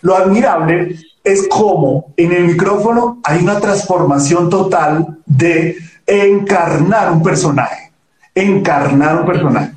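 A man's voice: sits high, slow, a little mellow, reverberant, poor audio. A man hosting an interview as a producer, enthusiastic and rambling, often repeating his words. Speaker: host, producer. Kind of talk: casual interview talk.

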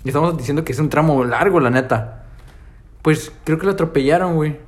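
A man's voice: a little high, a little fast. A young man with a Mexican Spanish accent, telling stories in slangy casual chat and laughing often.

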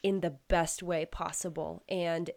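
A woman's voice: fairly low pitch, level tone, a little slow, creaky, darkish tone. A woman hosting a podcast, talking earnestly and with emphasis about faith. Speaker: podcast host. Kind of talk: casual faith chat.

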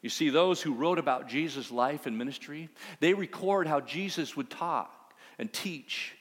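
A man preaching a sermon as pastor, telling a story in a conversational, animated way. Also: fairly high pitch, a little slow, in a large hall.

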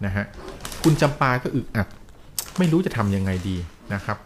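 A man telling a ghost story in casual chat, with a polite, dramatic delivery full of soft polite particles. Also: lowish voice, animated, moderate pace, slight background noise. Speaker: storyteller host.

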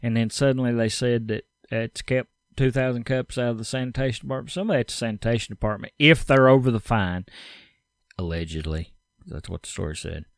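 A man's voice: mid-range voice, a little fast, no echo. A man hosting a podcast, chatting loosely and joking about himself. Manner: loose, joking, self-deprecating, laughs often. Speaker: podcast host. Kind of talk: casual chat.

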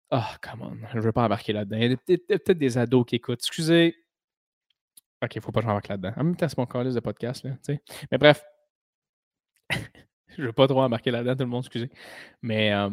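Casting: Québécois man, podcast host, loose and jokey, swears a lot, medium pitch, dry close mic. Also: no echo. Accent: Québécois French. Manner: joking, animated, swears freely. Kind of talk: casual podcast monologue.

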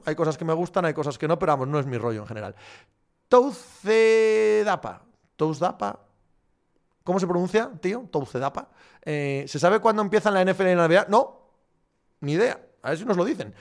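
A man hosting a casual show, reading out viewer questions and answering them bluntly and sardonically. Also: sits high. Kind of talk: casual chat.

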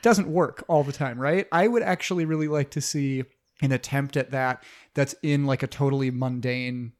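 A man with a mid-range voice in casual podcast chat. He shares opinions in a joking, animated way. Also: medium pitch, moderate pace.

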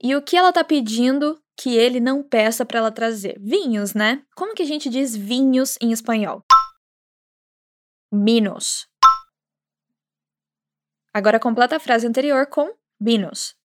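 A woman from Minas Gerais with a Brazilian accent, teaching a language lesson with repeat-after-me drills, saying example phrases slowly and carefully between chatty, upbeat asides. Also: a little high, animated. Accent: Brazilian Portuguese, Minas Gerais. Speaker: Spanish teacher.

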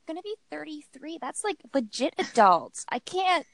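A woman's voice: sits high, big pitch swings, moderate pace, a crowd in the background. A woman in her thirties, a writer co-hosting a podcast, joking about herself in casual chat. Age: 30s.

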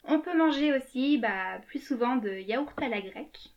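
A woman's voice: high-pitched, lively intonation, moderate pace, dull audio. A woman co-hosting a podcast, explaining things casually with frequent hesitations. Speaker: podcast co-host.

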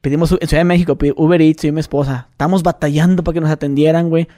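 A man with a Mexican Spanish accent, co-hosting a casual podcast and telling stories in fast, slangy talk. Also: a little high, steady tone, mellow. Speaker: podcast co-host. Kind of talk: casual chat.

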